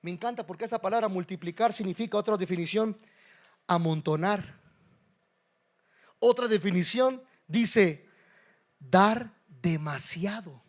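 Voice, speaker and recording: A male pastor preaching a sermon, swinging between loud calls to the congregation and hushed, confiding asides. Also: high-pitched, measured pace, long pauses.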